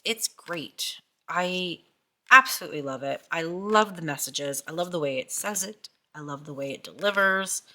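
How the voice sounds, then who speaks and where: With a low voice and sharp tone, a middle-aged woman who vlogs about tarot talks informally about her decks. She's effusive and tends to say the same things again and again.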